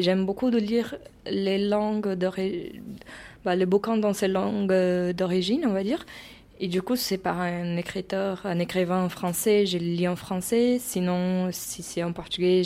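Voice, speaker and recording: A young woman of Brazilian origin, a member of a cultural group, answers interview questions in a lowish, warm voice. Her manner is casual, full of restarts and fillers.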